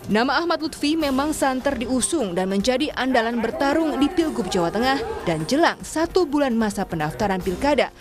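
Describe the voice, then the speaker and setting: A woman reporter reading a scripted news report in a crisp, even newsreading manner. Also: fairly high pitch.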